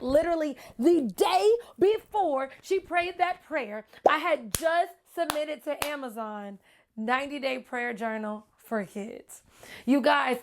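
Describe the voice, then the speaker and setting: A woman vlogger telling a personal story to her viewers in a casual, animated way, often calling them y'all. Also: high-pitched. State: close to tears. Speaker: vlogger and author.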